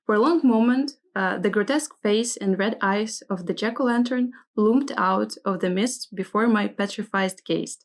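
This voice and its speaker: A woman who isn't a native English speaker hosts a vocabulary segment, reading example phrases with care and asking what they mean. Her voice is mid-range, her pace moderate, with hardly any pauses. She comes across as inquisitive and careful, checking each meaning.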